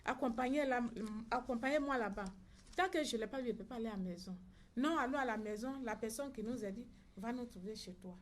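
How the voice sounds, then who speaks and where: A woman's voice: fairly high pitch, fast talker, a little hiss or hum. A middle-aged woman with an Ivorian French accent, a mother recounting events at a press conference and acting out the dialogue she reports. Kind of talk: personal account at a press conference.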